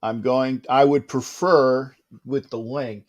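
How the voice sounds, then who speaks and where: On a live sports talk stream, the male host talks in a medium pitch with fairly even intonation. He comes across as upset and subdued, speaking softly with frequent stutters, restarts and trailing pauses.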